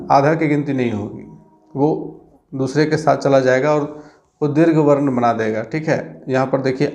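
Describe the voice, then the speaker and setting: A man's voice: a little high, a little mellow. A man teaching an exam-prep grammar lesson, counting syllables aloud and checking in with "theek hai" after each point.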